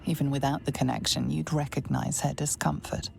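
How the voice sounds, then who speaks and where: An actress playing a solemn, intimate storyteller, narrating a dark fantasy video game in the second person. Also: female voice, extremely low pitch, steady tone, brisk, gravelly, slight background noise, full character voice. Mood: hushed, knowing.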